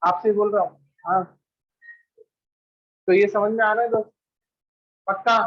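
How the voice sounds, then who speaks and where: A man's voice: high voice, steady tone, measured pace, lo-fi sound. A man teaching chemistry to a classroom of students, quizzing them with repeated questions and rattling off lists of elements at speed. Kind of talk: classroom lecture.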